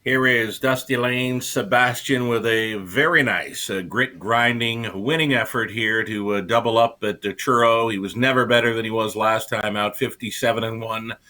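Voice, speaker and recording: A man giving unscripted post-race commentary in a halting way, pausing often mid-sentence. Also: lowish voice, steady tone, pushed and bright.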